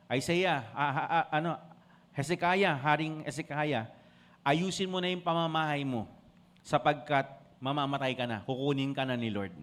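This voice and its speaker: A man with a Filipino accent preaching a sermon, switching between Tagalog and English and calling on the congregation to answer. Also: fairly high pitch. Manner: asks the congregation for responses. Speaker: pastor.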